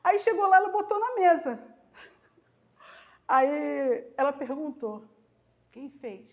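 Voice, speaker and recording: A Brazilian Portuguese woman preaches a Sunday sermon in a high voice. She tells her stories with emphasis and acts out the people she quotes. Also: expressive, slow pace. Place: church.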